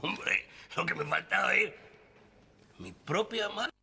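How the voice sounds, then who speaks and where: A middle-aged man with a Spanish accent in a sitcom, pompous and indignant, quick to raise his voice. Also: high voice, wildly swooping pitch, vocal fry, sharp tone, a little hiss or hum. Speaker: sitcom character, grown son. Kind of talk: sitcom acting.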